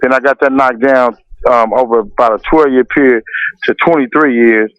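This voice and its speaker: A man from Los Angeles, a music producer as guest, speaking candidly and unhurried with restarts. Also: mid-range voice, fairly even intonation, clear, resonant tone. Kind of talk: casual interview. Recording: dull lo-fi radio sound.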